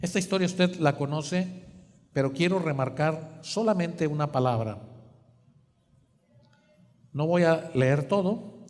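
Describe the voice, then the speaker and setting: High-voiced preacher in a reverberant hall. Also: male voice, takes it slowly, pauses often. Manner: asks the congregation questions for them to fill in; swings between quiet and emphatic. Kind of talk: sermon. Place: church hall. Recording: long church hall reverb.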